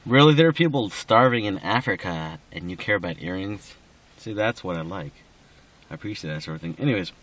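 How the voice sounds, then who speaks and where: A man's voice: deep voice, expressive, brisk, a bit bright, rough recording. A drunk man rambling casually in a personal recording, slightly slurring and losing his thread.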